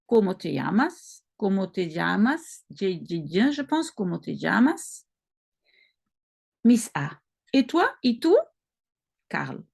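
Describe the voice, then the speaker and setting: Slow, careful Belgian French woman. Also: medium pitch, big pitch swings, gravelly, a little mellow, husky. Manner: slow, careful, self-correcting, explaining as she goes. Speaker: language-learning video host. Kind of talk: reading practice dialogue aloud.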